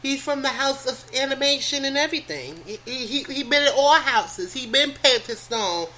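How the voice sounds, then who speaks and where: A woman co-hosting a podcast in casual chat, speaking haltingly with many ums. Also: high-pitched, animated, bright, forceful tone, slight background noise. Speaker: podcast co-host.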